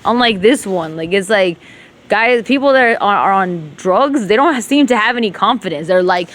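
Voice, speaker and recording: In a rambling, profanity-laced monologue to herself, a woman mixes English with Arabic spoken in a rural Levantine accent. She sounds animated at a moderate pace, with a medium pitch.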